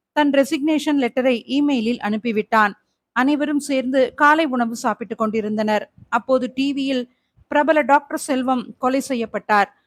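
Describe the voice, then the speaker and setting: A young adult woman narrating an audiobook thriller in a steady storytelling manner. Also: sits high, no echo. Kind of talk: scripted narration.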